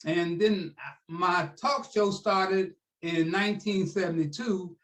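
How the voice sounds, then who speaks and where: An older man, a guest on a talk show, telling an anecdote in a loose, animated way and often tacking on "man". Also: fairly high pitch. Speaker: guest, sports broadcaster. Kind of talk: casual anecdotal storytelling.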